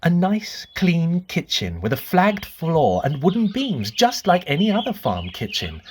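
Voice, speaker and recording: Over slight background noise, a low-pitched female storyteller narrates a bedtime tale for children. Her delivery is expressive and deliberate, with dramatic, drawn-out repetitions of words.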